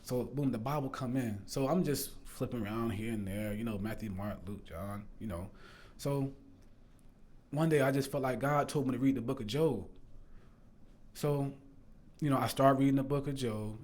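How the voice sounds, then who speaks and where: A man tells his personal testimony in loose, casual talk at an ordinary mid pitch. He rambles and circles back, packing his sentences with fillers and restarts. He keeps swearing earnestly that every word is true. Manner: rambling, repeats fillers and "bro", restarts often. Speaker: storyteller sharing a faith testimony.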